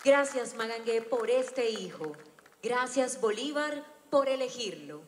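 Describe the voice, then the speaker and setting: High-voiced woman announcing a ceremony. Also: lively intonation, slow, big-room sound, a little hiss or hum. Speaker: event announcer.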